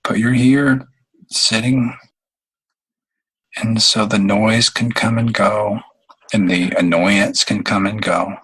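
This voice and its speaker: A husky, fairly low male voice guides a meditation with fairly even intonation, pausing at length and often stopping partway through phrases as he speaks very slowly. His tone stays bright and forward, captured in a low-quality recording.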